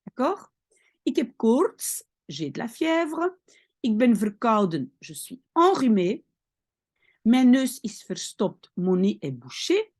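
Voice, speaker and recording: A woman teaching vocabulary in an online lesson. She explains patiently, reads each phrase slowly, translates it, and often checks in with "d'accord?". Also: a little high, big pitch swings, darkish tone. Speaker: language teacher.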